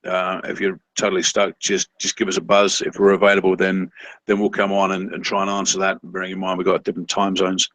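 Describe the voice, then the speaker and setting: A man co-hosting a casual online coaching call, talking in halting bursts full of ums and restarts. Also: deep voice, monotone, a bit bright, dry recording, rough recording. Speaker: co-host of a seller coaching webinar.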